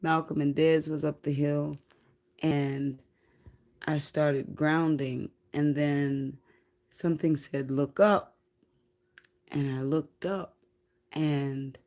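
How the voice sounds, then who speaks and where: A woman livestreaming, telling a spiritual story in a slow, reflective, casual way with some swearing. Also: sits low, steady tone, mellow.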